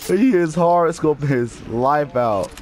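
A man's voice: a little high, slow pace, background noise. A man playing an online shooter with friends, joking and trash-talking in casual chat. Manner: excitable, joking trash talk. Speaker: gamer. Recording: loud game gunfire behind voice. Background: video game gunfire and effects.

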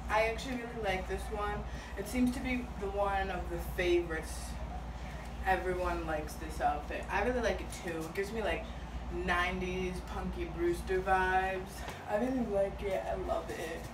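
A woman's voice: lowish voice, normal speed. A young woman casually vlogging a clothing haul in a small home kitchen, chatty and upbeat, often trailing off. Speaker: fashion vlogger. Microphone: phone camera set far across the room. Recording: echoey room, mic far off, noisy.

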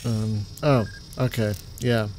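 A man's voice: on the low side, fairly even intonation, slow, rough recording. A man giving casual, offhand gameplay commentary as a let's play host. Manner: offhand, conversational. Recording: loud game noise behind voice.

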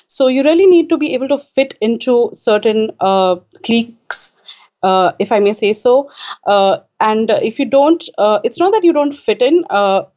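A woman's voice: fairly high pitch, darkish tone, highs cut off. Woman guest, hesitant with many fillers. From Kuwait. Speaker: author and guest. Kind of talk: casual interview talk. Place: home in Richmond.

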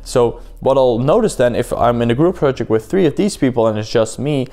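A man hosts a casual solo podcast, rambling with lots of fillers and putting rhetorical questions to the listener. He sounds a little sleepy and yawns at times. His voice is medium-pitched, mellow and expressive, and he talks fairly quickly.

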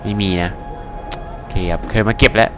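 A man giving casual, crude, joking commentary while playing a game and translating its lines. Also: normal speed. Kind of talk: casual let's-play commentary. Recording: game music playing underneath. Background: game music.

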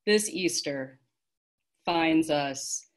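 Low-voiced woman reading aloud. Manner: measured, expressive reading. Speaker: worship leader. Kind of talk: reading a story aloud in a service. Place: home, online service.

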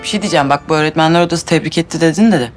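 An actress playing an excitable, quick-tempered pregnant housewife who talks to herself a lot. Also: female voice, sits low, faint music behind, lightly acted. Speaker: pregnant wife. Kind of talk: TV drama acting.

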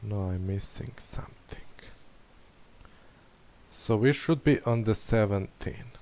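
In a slow, lowish voice with a dark tone, a man streams a map-guessing game and mutters his reasoning aloud, hesitating and questioning himself. A little hiss or hum sits under the recording.

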